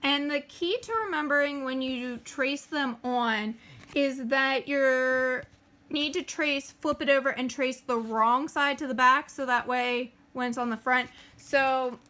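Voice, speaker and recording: High-pitched chatty woman crafting. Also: fairly even intonation, a little slow, sharp tone. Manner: chatty, filler-heavy, talks through each step as she works. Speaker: craft tutorial host. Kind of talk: casual sewing tutorial.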